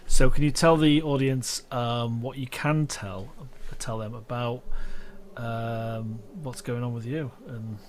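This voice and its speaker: A man's voice: medium pitch, fairly even intonation, slow pace. A man hosting a podcast, chatting casually and prompting his co-host with questions. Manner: friendly, prompting questions with fillers. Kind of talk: casual chat.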